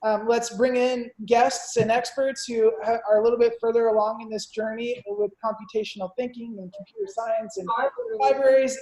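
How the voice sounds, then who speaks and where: A man hosting a monthly video call, talking casually in a relaxed, rambling way with lots of fillers. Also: very high voice, roomy sound, rough recording. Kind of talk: casual welcoming introduction.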